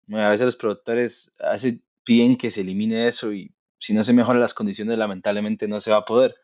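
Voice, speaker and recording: A man in his thirties from Costa Rica, a veterinarian guest, explaining his work in a relaxed, thoughtful, conversational way. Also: lowish voice, fairly quick, no echo, lo-fi sound. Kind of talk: casual conversational interview.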